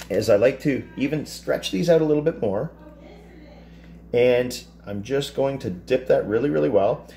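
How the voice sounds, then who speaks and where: A man's voice: mid-range voice, a little hiss or hum. Chatty man demonstrating in a kitchen. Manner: relaxed, chatty, explains step by step. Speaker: cooking teacher. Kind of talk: casual cooking demonstration. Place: home kitchen, indoors. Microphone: camera across the counter.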